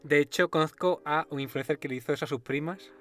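Young Spanish man, slightly higher voice. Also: steady tone, fast, fairly bright tone, faint music behind. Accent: Spain Spanish. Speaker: podcast co-host. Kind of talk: casual chat.

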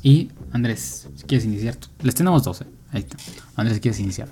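A man's voice: mid-range voice, animated, quick pace, warm tone, faint music behind. A man with a Mexican accent hosting a casual podcast chat in an informal, offhand way. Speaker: podcast host.

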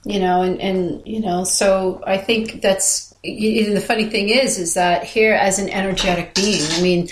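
A woman co-host talks in a roomy, echoing space. Her delivery is reflective and casual, feeling its way forward with halting, repeated phrases. Her pitch sits in an ordinary female range. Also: steady tone, slight background noise. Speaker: podcast co-host. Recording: roomy, echoey sound.

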